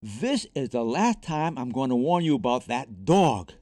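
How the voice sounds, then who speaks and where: A man voicing a nervous, thin male artistic director who screams orders in a high-pitched voice. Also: big pitch swings, measured pace, dark tone, no room sound. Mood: bossy. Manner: shrill, bossy, screaming orders.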